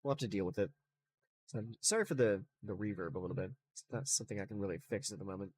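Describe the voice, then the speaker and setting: A man's voice: fairly low pitch, fast talker, a little mellow. A man talking casually as he reviews cards, his faulty microphone adding a strong reverb to his voice. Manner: chatty, thinking aloud with fillers. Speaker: card game reviewer.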